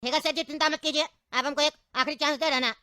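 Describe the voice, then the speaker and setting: High quick woman in a comedy skit, music going behind. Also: fairly even intonation, no room sound, studio quality. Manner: pleading and making excuses, then arguing back loudly. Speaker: comedy sketch actor. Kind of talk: comic sketch acting.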